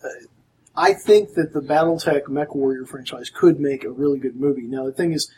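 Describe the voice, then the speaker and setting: A man's voice: medium pitch, normal speed, darkish tone, slight background noise, rough recording. A man co-hosting a casual podcast, dropping sarcastic quips and firm opinions. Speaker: podcast co-host. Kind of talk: casual chat.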